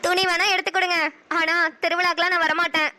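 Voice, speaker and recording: A woman doing an anxious young village sweetheart, very high and bright. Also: flat delivery, quick pace, full character voice. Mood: sad. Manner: emotional, teasing then tearful. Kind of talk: cartoon dialogue acting.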